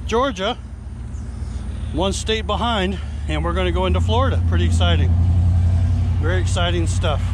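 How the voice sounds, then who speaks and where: A man's voice: high voice, noisy background. A man out of breath, chatting casually and joking while filming beside a road. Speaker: support crew for a runner. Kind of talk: casual outdoor vlog narration. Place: roadside outdoors by traffic.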